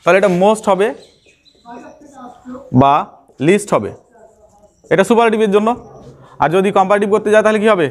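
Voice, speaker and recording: Guy teaching grammar, fairly high voice, keeps repeating stuff n quizzing you. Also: normal speed, long pauses. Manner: explains step by step, repeats key terms and quizzes the viewer. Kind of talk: classroom-style grammar lesson.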